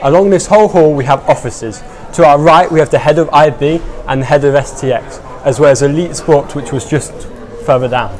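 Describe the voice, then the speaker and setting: A young man, a student calmly guiding a scripted tour. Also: on the high side, brisk. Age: young adult.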